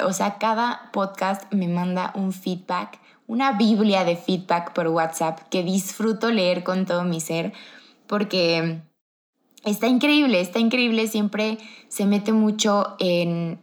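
Upbeat Mexican woman hosting a podcast. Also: mid-range voice. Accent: Mexican Spanish. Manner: upbeat and chatty, speaks straight to the listener. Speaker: podcast host. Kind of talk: motivational podcast monologue.

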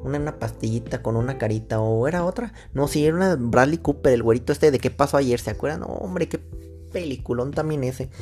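A Mexican man talks through his solo podcast at a middle pitch, thinking aloud and drifting from one idea to the next. His talk is loose and full of slang. Faint music plays quietly underneath. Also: fairly quick. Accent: Mexican Spanish. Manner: rambling, slangy, thinks aloud and wanders off topic. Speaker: podcast host. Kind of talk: casual solo podcast chat. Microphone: own microphone.

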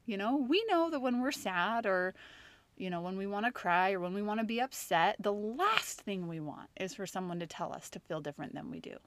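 A woman in her thirties co-hosting a casual podcast, speaking earnestly and getting animated when she acts out quotes. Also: mid-range voice, fairly quick, slight background noise. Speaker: podcast co-host.

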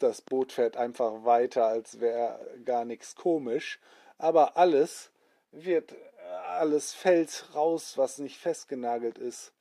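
A man improvising a children's bedtime story, pausing with fillers and adding sound effects. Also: mid-range voice, mellow.

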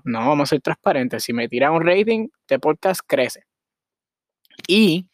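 A young Puerto Rican man with a Puerto Rican Spanish accent hosts a casual solo podcast, rambling frankly and mixing in English words. His voice is medium-pitched, and the studio-quality recording has no echo.

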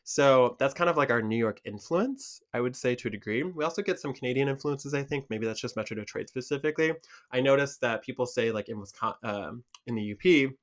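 A young man hosts a casual podcast. He rambles along at a mid pitch, full of fillers and asides. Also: a little fast. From Michigan. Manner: chatty, rambling, lots of fillers and laughs. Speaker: podcast host. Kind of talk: casual chat.

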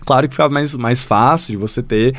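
A man's voice: medium pitch, a little fast, dry recording. A man with a Brazilian Portuguese accent, a language school founder, who talks as a podcast guest. He tells stories in a rambling way, uses many fillers, and often addresses the listener directly. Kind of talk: casual podcast conversation.

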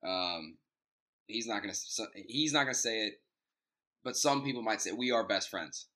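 A man's voice: lowish voice, lively intonation, normal speed, bright, forceful tone. A man co-hosting a casual sports podcast, joking around and sometimes hunting for words. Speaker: podcast co-host.

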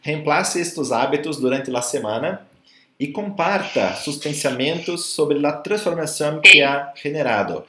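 A man teaching a group as a workshop facilitator, mixing Portuguese and Spanish within his sentences and halting as he searches for words. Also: a little high, expressive, pushed and bright, a little hiss or hum. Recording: roomy echo.

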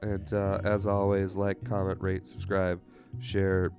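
A man's voice: low voice, monotone, takes it slowly, over music. A man hosting a casual podcast with a congested voice, rambling and joking at his own expense. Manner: rambling, self-deprecating jokes. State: congested from illness. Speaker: podcast host.

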